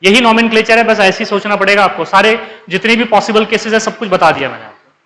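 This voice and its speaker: A man's voice: high-pitched, fast talker, pushed and bright, big-room sound, poor audio. A male chemistry teacher giving a live class lecture, coaxing his students and checking again and again whether they understood. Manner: calls students 'beta', coaxing.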